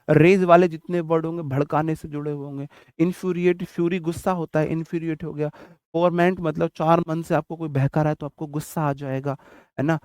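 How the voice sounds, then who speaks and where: Male exam-prep teacher, chatty and playful, fairly high voice, dry close mic. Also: a little mellow, smooth, no echo. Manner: chatty, jokey, tells childhood anecdotes. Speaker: vocabulary teacher. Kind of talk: casual Hindi exam-prep lesson with memory tricks.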